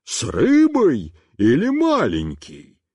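A man voicing a burly potbellied grown man who shouts angry accusations, in a storybook reading. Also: a little high, huge pitch swings, takes it slowly, no room sound, heavily acted. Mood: angry shouting.

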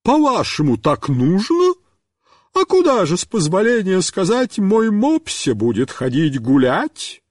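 A man putting on a shrill, indignant busybody neighbor lady. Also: wildly swooping pitch, measured pace, a little mellow, no room sound, studio quality, exaggerated voice. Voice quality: shrill, squealing. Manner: indignant, huffing, boiling over. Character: shrill fussy middle-aged woman neighbor, indignant busybody.

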